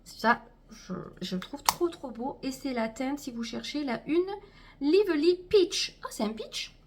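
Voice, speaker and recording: A chatty woman unboxes makeup at home, her voice pitched a little high. She talks straight to her viewers and trails off with fillers as she goes. A faint hiss sits under the recording. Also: expressive, unhurried. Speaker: beauty vlogger. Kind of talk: casual haul unboxing chat.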